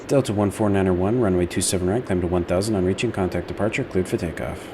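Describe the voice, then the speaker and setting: A man's voice: deep voice, fast. A man acting as an air traffic controller, rattling off clipped procedural instructions to aircraft. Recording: very noisy, loud airfield sound.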